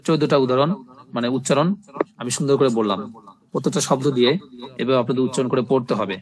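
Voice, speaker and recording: A man teaching a live online language class in a mid-range voice. He explains step by step, often pausing to ask if students follow. Then he drills word forms slowly, one after another, in long repeated lists. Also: mid-range voice. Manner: explains step by step, often checking "ঠিক আছে?".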